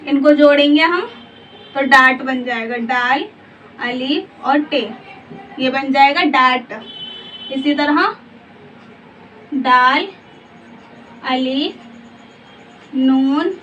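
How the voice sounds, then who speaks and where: A woman with a high voice teaches slowly and patiently, naming each letter before she reads out the full word. She sits back from a distant mic, so the sound is dull and muffled with a faint hiss behind her. Every few words she checks in with a quick question to the learner. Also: a bit bright. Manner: spells out letters one by one, then reads the word. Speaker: Urdu teacher. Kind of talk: slow spelling lesson.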